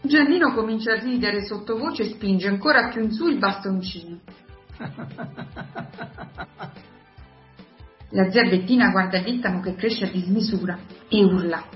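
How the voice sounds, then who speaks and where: A woman narrating the stage directions of a radio drama in an even, steady reading. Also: medium pitch, a little fast. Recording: roomy, slightly dull radio recording, faint music.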